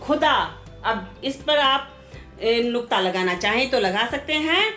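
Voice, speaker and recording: Woman teacher, high bright voice, slow deliberate word drills, echoey room, faint music. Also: animated. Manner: slow, deliberate pronunciation drills with rhetorical questions. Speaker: Hindi teacher. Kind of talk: classroom lesson, reading word lists aloud.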